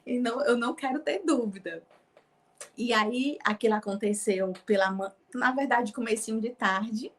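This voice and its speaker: A woman's voice: a little high, moderate pace, a bit bright. A woman telling a personal faith testimony as a guest, acting out past conversations and often near tears. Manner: storytelling, acting out dialogue, frequent "né?" tags.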